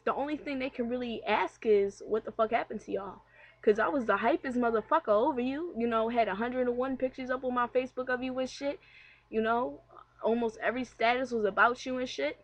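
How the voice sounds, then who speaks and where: A woman's voice: on the high side, a little fast. A young woman vlogging a casual, personal rant in a candid, conversational, slangy way, swearing freely. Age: young adult.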